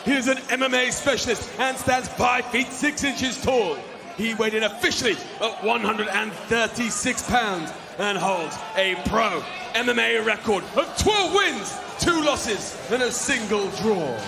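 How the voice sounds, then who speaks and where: A man making formal fighter introductions as a boxing ring announcer, booming and drawing out names and phrases. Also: measured pace, vocal fry. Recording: loud arena crowd noise.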